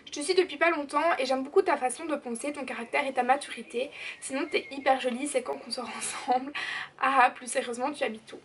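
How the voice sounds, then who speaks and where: A woman's voice: high-pitched, fast talker, fairly bright tone. An eighteen-year-old woman, chatting casually as she answers viewer questions in her vlog, full of fillers. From Belgium. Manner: chatty and bubbly, lots of fillers and "genre". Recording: slightly distant mic, faint background noise.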